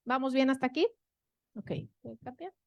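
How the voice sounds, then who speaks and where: Higher-voiced Mexican woman lecturing casually. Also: moderate pace, gravelly, no echo, highs cut off. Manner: chatty, tags sentences with rhetorical questions. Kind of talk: conversational lecture to an audience.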